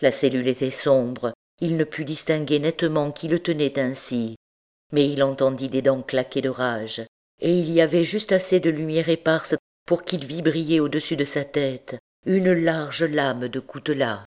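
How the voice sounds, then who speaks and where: A woman reading a classic novel aloud as an audiobook narrator, in a measured, unhurried style. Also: low voice, fairly even intonation, a little mellow. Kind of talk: scripted narration.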